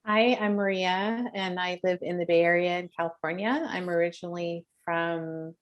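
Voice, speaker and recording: A woman from the Los Angeles area, briefly introducing herself as a webinar guest over a video call in a quick, friendly way. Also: on the low side, steady tone, highs cut off. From Los Angeles area, USA.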